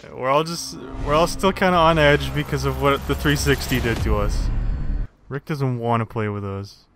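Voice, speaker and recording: A man's voice: medium pitch, moderate pace, over music. Exasperated young man in party chat. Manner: exasperated, laughs often, swears. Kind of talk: casual chat while gaming.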